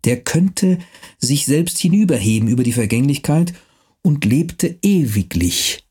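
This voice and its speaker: A man voicing a frail, haughty old nobleman who speaks slowly in a thin, wheezing voice, with long pauses. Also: medium pitch, sing-song, warm tone, husky, heavily acted. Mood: solemn. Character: frail old male nobleman, pipe-smoking, mystical, haughty.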